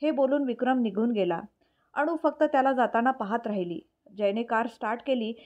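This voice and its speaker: A woman narrating a dramatic family story in an even, steady reading voice. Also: on the high side, a little fast. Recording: dull lo-fi recording.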